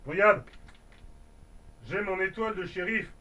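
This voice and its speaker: A man's voice: high-pitched, unhurried, sharp tone, distant mic, a little hiss or hum. A man voicing a boastful fake sheriff who is really a bandit, in a bedtime-style storybook role-play. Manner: boastful, then pleading.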